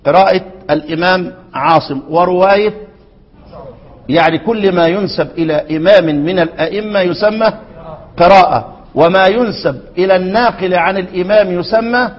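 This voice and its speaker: A man with an Egyptian accent teaching a classical text, often pausing to ask his students to supply the next word. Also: high voice. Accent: Egyptian Arabic. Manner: keeps asking students to fill in words. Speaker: Quran recitation teacher. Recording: dull, reverberant hall recording.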